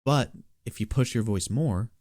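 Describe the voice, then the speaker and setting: A man giving a casual spoken beatbox tutorial, explaining in a relaxed, matter-of-fact way. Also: medium pitch, a little slow, no room sound, studio quality.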